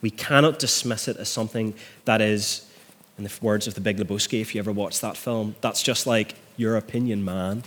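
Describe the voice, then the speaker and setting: A man's voice: lowish voice, fairly even intonation, brisk, a bit bright. A middle-aged man preaching a sermon as a minister. He builds to emphatic peaks and often repeats words as he restarts.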